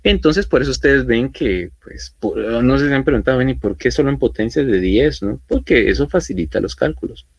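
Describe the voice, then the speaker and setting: A male chemistry teacher lectures at a moderate pitch, checking in with his students over and over. He explains slowly and patiently. The recording is close and dry, with no room sound. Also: expressive, gravelly, breathy edge, no room sound. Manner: explains patiently with many tag questions and fillers. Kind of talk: online class lecture.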